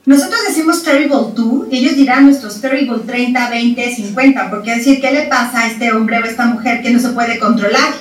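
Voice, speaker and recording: High-voiced woman, animated and echoey. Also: fairly quick, hardly any pauses, soft background music. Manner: animated, repeats words for emphasis, acts out parents and children. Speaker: parenting expert guest. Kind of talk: explanatory chat. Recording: roomy sound from a distant mic.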